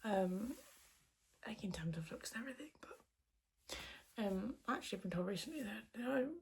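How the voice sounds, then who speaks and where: A woman podcast host whispering in a hushed, quiet voice so as not to wake anyone, chatting casually in a rambling, self-deprecating way. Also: mid-range voice, animated, normal speed, a little hiss or hum. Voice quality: whispered, breathy voice. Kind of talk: casual chat to podcast viewers.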